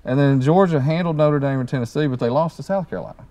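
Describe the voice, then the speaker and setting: A man hosting a casual sports talk show, animated and quick to laugh. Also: a little high.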